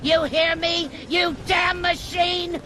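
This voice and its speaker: A crazed, greedy old woman in an audio drama, bellowing in a high, creaky voice. She drags her words out slowly while loud music plays underneath. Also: steady tone, full character voice. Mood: furious. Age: older. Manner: slow, drawn-out bellowing.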